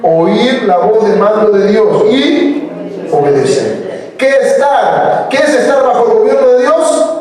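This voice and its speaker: A man's voice: high voice, big pitch swings, takes it slowly, recorded from a distance, crowd noise. A man preaching a sermon as pastor, asking the congregation questions, repeating phrases for emphasis and prompting them to say lines back. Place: church hall. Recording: roomy church sound, voice heard from off the mic.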